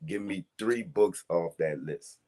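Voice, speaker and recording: A man's voice: sits low, measured pace, mellow. A man with a New Orleans accent hosting a podcast, joking and laughing often in casual chat. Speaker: podcast host.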